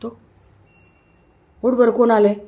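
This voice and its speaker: A woman's voice: on the high side, level tone, slow pace, warm tone, echoey room. A young mother at home, talking to her small children in a sing-song, coaxing way and repeating her words. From Maharashtra, India. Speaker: mother and vlog host.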